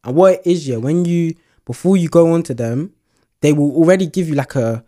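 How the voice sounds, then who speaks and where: A man's voice: a little high, brisk, mellow. Laid-back man chatting. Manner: laid-back, heavy on slang fillers. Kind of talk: casual chat.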